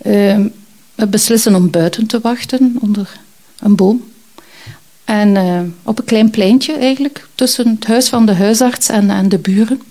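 A woman's voice: medium pitch, mellow. A woman telling a personal story in a reflective, hesitant way, with many fillers.

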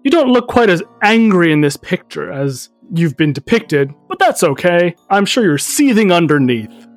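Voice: medium pitch, sing-song, moderate pace, faint music behind. A game master voicing a jovial, showy male centaur traveler.

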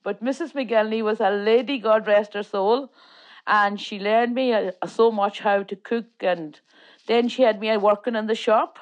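Being interviewed for an oral history, an older Irish-speaking woman from Tory Island with a Donegal accent reminisces about her childhood. Her mid-range voice is unhurried with fairly even intonation, linking plain stories with long runs of "and", on a low-quality recording.

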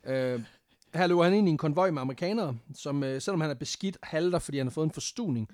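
A man's voice: a little high, lively intonation, darkish tone, no echo, clean studio sound. A man casually telling a history story on a podcast, laughing often and swearing freely, with English phrases mixed in.

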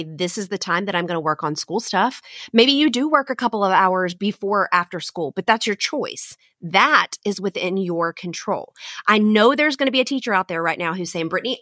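A woman's voice: medium pitch, a bit bright, dry recording, clean studio sound. A woman hosting a motivational solo talk for teachers, speaking in an earnest, direct and encouraging way. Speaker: podcast host and teacher coach.

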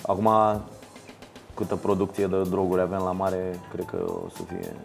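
A man's voice: low-pitched, level tone, gravelly, dark tone, soft background music. An older man hosting a podcast, telling loose, chatty stories with frequent casual interjections. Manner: loose storytelling, frequent "bă" and "frate". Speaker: podcast host. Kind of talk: casual chat.

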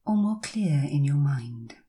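A woman leading a guided hypnosis session, speaking in a soft, breathy voice with slow, soothing, drawn-out phrases and long pauses. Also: sits low, expressive.

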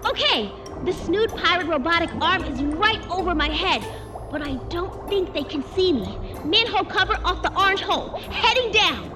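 A woman's voice: very high voice, expressive, moderate pace, music in the background. A woman playing an anxious, dutiful young kid hero who nervously reports each step in a children's audio adventure. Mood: wary.

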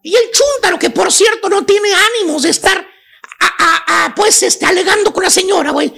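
A shrill, piercingly high radio professor, with a gravelly rasp under every word. He preaches at his co-hosts in crude slang, shouting his points as a radio comedy bit. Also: moderate pace, heavily acted. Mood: ranting. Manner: lecturing rant full of slang, frequently shouting. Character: ranting middle-aged male radio professor, crude and preachy. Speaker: comedy character on a radio show.

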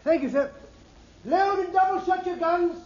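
An actor playing a keen, resourceful junior naval officer in a period audio drama, speaking in a crisp, dutiful, urgent way. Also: male voice, very high-pitched, normal speed, darkish tone. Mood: urgent, composed. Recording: dull sound, noisy battle ambience.

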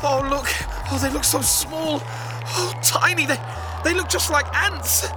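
Brief: woman as jittery, high-voiced worrier in a kids' audio drama. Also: unhurried, music in the background. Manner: fretful, sighing "oh"s. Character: anxious young adventurer scared of heights.

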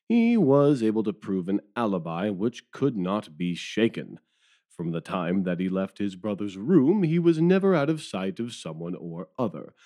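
In an audio drama, a man plays a humbled police detective, speaking wordily, deferentially and ruefully. His low, mellow voice is very animated, with widely swinging pitch, at a moderate pace. He sounds rueful and worried.

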